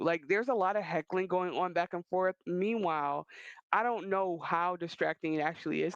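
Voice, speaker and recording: Gravelly higher-pitched male podcast co-host. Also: no echo, rough recording. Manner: animated, rambling, quick restarts. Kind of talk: casual chat.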